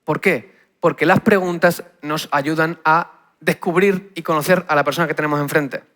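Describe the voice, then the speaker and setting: Guy from spain giving a youth talk, kinda high voice, punchy, keeps asking the crowd "right?". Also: fairly even intonation, moderate pace, a bit bright. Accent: Spain Spanish. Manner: punchy, asks the crowd "¿sí?" over and over. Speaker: youth speaker. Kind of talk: energetic youth talk to a live audience.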